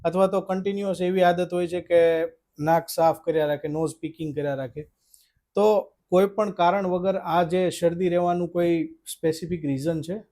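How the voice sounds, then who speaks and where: Polite, mellow-voiced male interviewer. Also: high-pitched, steady tone, moderate pace. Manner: polite, deferential, calls the guest sir. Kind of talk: interview questions.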